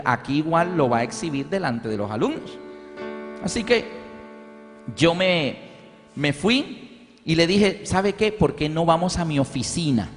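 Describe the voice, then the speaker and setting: High-voiced preacher in a reverberant hall. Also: male voice, a bit bright. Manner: asks the audience questions. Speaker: pastor. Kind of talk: sermon with storytelling. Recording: reverberant hall with faint music.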